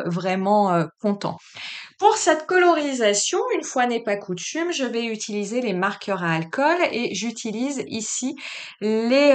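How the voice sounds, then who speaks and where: A woman hosting a craft tutorial, chatting casually to her viewers and filling pauses with frequent "euh" and "hein". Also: medium pitch, fairly bright tone. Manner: friendly, talks straight to the viewers. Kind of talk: casual how-to narration.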